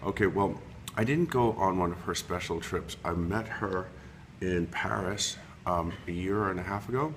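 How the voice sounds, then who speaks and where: A man in his fifties with a low voice talks haltingly into a computer webcam, stopping for ums and restarting his sentences as he goes. It is an unrehearsed self-recorded introduction, with a faint hiss of noise behind him. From Long Island, New York. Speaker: interior designer.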